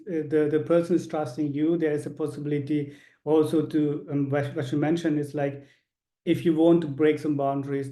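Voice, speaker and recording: A man's voice: fairly high pitch, warm tone, roomy sound. A man from Sri Lanka, a course participant, sharing his thoughts on a video call in a rambling way, with many fillers.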